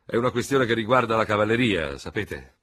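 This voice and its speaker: Man doing a proud old cavalry general in a storybook reading, husky, low, given to thundering outbursts. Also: animated, fairly quick, a bit bright. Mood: fiery, blustering.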